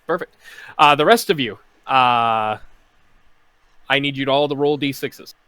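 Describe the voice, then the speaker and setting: Casual male game master, mid pitch. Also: a little slow, bright, forceful tone, clear, resonant tone, no room sound. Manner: casual, hesitant with many fillers. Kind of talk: narrating a tabletop game.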